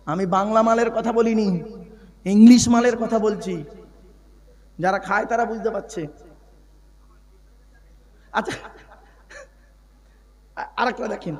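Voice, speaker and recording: Male preacher, very high voice, lively sermon that quizzes the crowd, long reverb around him. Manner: animated, questions the crowd, chants drawn-out phrases. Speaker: Islamic preacher.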